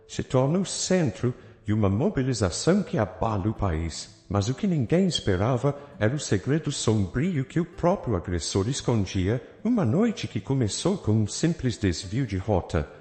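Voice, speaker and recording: A man narrates a dramatic story with suspense in his delivery. His voice is warm and mellow, and the intonation rises and falls expressively. The sound is roomy with a long reverb tail, and faint music plays underneath. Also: medium pitch. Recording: echoey, with faint background music.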